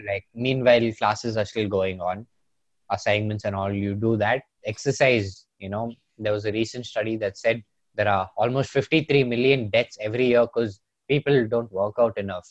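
A dry, slightly muffled recording of a young man with a congested nose. He hosts a podcast in casual, earnest chat at a medium pitch. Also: no room sound. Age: young adult. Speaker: podcast host. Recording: dry, dull lo-fi microphone sound.

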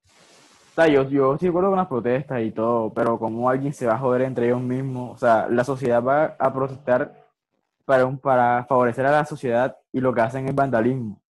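A man's voice: mid-range voice, steady tone, brisk, no room sound. A man, a podcast co-host who chimes in with short remarks and opinions in casual chat. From Colombia. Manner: brief interjections and opinions.

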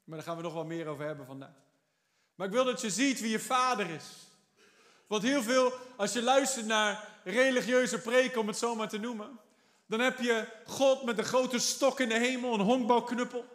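A man preaching a sermon with fervent emphasis, moving between quiet remarks and stretched, emphatic words. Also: very high-pitched, moderate pace. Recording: long hall reverb.

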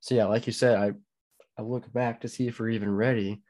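A man's voice: medium pitch, steady tone, brisk, a little mellow. A man co-hosting a podcast, telling his side of a hunt in a chatty, hedging way with frequent restarts. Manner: chatty, hedging, full of "you know" and restarts. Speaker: podcast co-host. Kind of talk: casual storytelling.

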